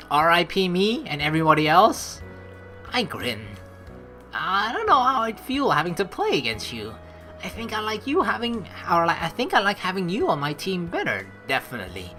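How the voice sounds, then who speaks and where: A let's play host with a lowish voice works through a game, reading its text aloud. She chats along with playful, expressive commentary.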